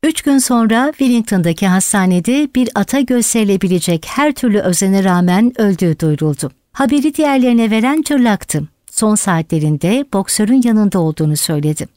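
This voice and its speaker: A woman narrating an audiobook in a steady, dramatic reading style. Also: mid-range voice, brisk, hardly any pauses, dry recording, studio quality. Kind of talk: scripted narration.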